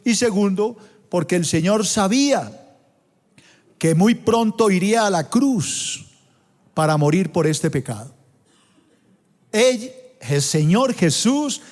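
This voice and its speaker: A man with a Colombian accent preaching a sermon as pastor in a large church auditorium, emphatic and slowing down to stress scripture quotes. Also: sits high, expressive, darkish tone. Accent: Colombian Spanish. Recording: long hall reverb.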